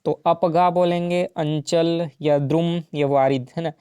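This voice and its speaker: This exam-prep teacher speaks at a measured pace in a slightly high, warm, clean voice with fairly even intonation. The studio-quality recording has no room sound. He explains questions one step at a time, regularly checking in with "ठीक है" and "है ना".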